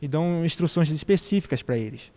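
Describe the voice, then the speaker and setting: Male preacher giving a sermon, somewhat high voice, long hall echo, thoughtful. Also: lively intonation, brisk, a little mellow. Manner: reflective, poses questions to the congregation.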